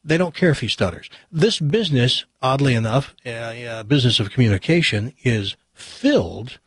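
Husky guy hosting talk radio, blunt n rambly, casual, dry studio sound. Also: medium pitch, animated, moderate pace, dry recording. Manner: blunt, direct. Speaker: radio morning show host.

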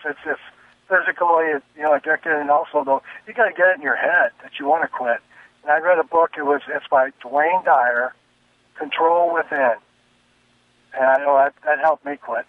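An older man calling in to a radio talk show on a speakerphone, talking haltingly and repeating himself. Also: fairly high pitch, expressive, no echo. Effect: caller on a speakerphone over a phone line. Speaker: caller. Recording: tinny speakerphone call with a dry sound.

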